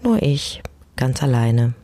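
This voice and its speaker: Very deep and dark in tone, this woman's voice is very animated even as she takes things slowly. She hosts a casual solo podcast from home on a close personal mic with no room sound, chatty, informal and quick to laugh at herself.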